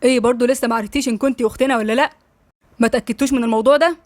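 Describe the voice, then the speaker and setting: A woman's voice: fairly high pitch, steady tone, racing, no echo, natural voice. A woman with an Egyptian accent voicing an offhand young man, the younger brother. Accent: Egyptian Arabic. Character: careless, candid younger brother.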